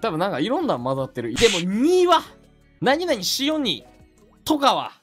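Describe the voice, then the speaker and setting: Mie dialect guy rambling on his stream, jokey, pitch jumping all over, faint music behind. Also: wildly swooping pitch, quick pace. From Mie Prefecture, Japan. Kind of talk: casual chat stream.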